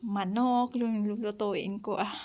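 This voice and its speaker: A woman's voice: medium pitch, steady tone, unhurried, a little mellow. A woman with an Ilonggo accent telling a story in a casual vlog, laughing often as she talks while chopping onions. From Western Visayas, Philippines. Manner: chatty, laughs often while recounting a conversation. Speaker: vlogger.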